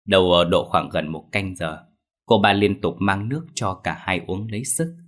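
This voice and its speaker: A man narrating a scripted ghost story in a steady, measured storytelling voice. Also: deep voice.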